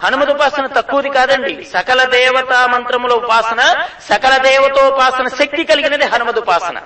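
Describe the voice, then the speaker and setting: A man giving a devotional discourse, telling stories with animated acted-out speech and repeating phrases for emphasis. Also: very high-pitched, moderate pace. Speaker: spiritual speaker. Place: ashram hall. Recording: echoey room, voice from far off.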